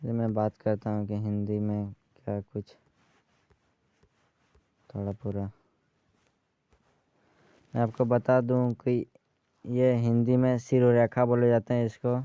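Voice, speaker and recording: A man teaching a grammar lesson, speaking slowly and repeating key terms for his students. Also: mid-range voice, monotone, dark tone, clean tone, dry recording, dull audio. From Bihar, India.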